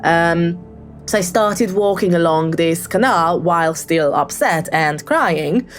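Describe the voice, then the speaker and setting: A fairly low-pitched woman from Hungary speaks at a slow pace while leaving a voicemail about a true event. It's casual and faltering, with frequent ums and restarts over soft background music.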